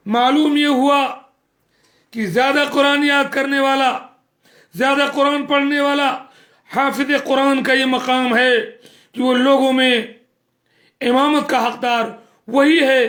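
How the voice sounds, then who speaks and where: A man's voice: extremely high pitch, fairly even intonation, a bit bright. A man preaching a sermon, earnest and scolding, repeating phrases for emphasis.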